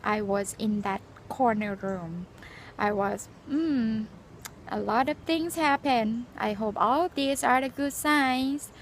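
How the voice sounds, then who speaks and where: A Thai nurse in her 40s shares her exam experience in a casual personal vlog of stories and advice. Her high voice is earnest and halting, with frequent fillers and restarts and a Thai accent. There's a little hiss or hum in the background.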